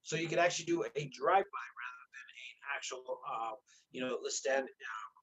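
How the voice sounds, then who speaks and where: Guy on a remote call, audio all tinny and metallic like a tin can, husky breathy voice, rambly with lots of uhs. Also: mid-range voice, a little fast, fairly bright tone. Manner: rambling, with many fillers and restarts. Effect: tinny, metallic, garbled audio like a tin can. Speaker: co-host of a local online talk show. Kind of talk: casual chat.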